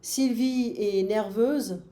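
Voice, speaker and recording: A woman teaches a French grammar lesson and drills each form one by one, slipping in brief English glosses. She speaks slowly, her tone warm and mellow. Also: a little high. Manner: slow, patient drilling with short English glosses.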